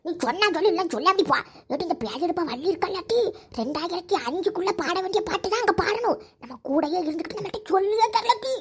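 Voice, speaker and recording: High-pitched scolding woman. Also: expressive, quick pace, few pauses. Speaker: comedy sketch performer. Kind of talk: comic village sketch.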